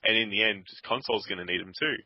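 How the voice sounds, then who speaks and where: Playing a game at his computer, a man rambles and grumbles sarcastically to his co-host in casual gaming chat. His voice is fairly low and fast, and the recording is dull, dry, and lo-fi.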